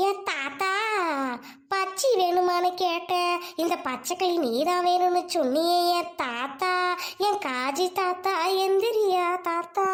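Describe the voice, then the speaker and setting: A woman with a Tamil accent voicing bickering, scheming village women in a cartoon, with a shrill voice. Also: full character voice. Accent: Tamil, Trichy region. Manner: bickering, mock wailing. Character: sharp-tongued, scheming village women, adult. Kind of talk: cartoon voice acting.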